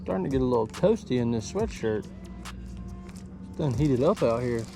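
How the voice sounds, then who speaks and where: A man giving casual running commentary while fishing from a boat outdoors. He is excitable and slangy, and he talks to the fish. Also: medium pitch, normal speed, gravelly, music in the background. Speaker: fishing vlogger.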